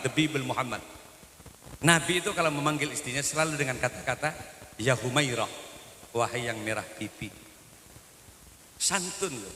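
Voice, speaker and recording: A man preaching a sermon in a large mosque, telling lively stories with loud exclamations. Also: a little high, a little hiss or hum. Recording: echoey mosque hall with long reverb.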